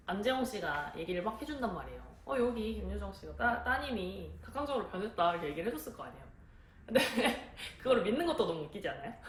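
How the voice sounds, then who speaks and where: A woman giving a casual spoken review of a series, laughing often and acting out the characters' lines. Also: medium pitch. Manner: animated, laughs often, acts out quoted lines. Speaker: film reviewer. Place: room in a venue. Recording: roomy echo with faint ambience.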